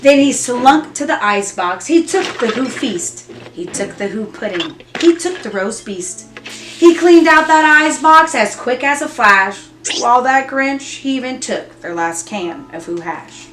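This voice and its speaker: Her voice leans high and fairly bright, animated yet measured, as this storybook reader gives an expressive performance of a rhyming tale for children, full of singsong cadence and dramatic stress. Music and a roomy echo surround the recording.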